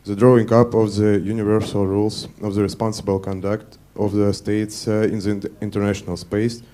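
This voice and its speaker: Flat, dark-voiced official making a formal statement. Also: male voice, lowish voice. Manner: slow, deliberate, official phrasing. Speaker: embassy representative. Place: conference room.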